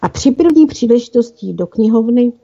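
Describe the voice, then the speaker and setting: A woman voicing a young boy student who speaks in a steady, reassuring way, read in a storybook. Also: a little high, vocal fry, husky, pitched above the performer's own voice, heavily acted. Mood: confident. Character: young boy, a wolf-den student, calm leader. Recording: dull lo-fi recording.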